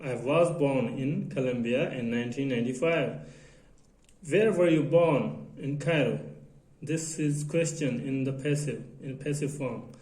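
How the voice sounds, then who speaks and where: A man teaching an English grammar lesson in a halting way, often repeating phrases and reading out example sentences. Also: medium pitch, darkish tone. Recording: echoey room.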